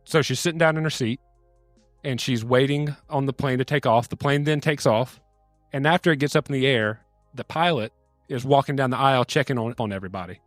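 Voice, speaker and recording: A man's voice: medium pitch, fairly quick, no room sound, faint music behind. A man telling long story jokes on a podcast, acting out the characters' lines as he goes.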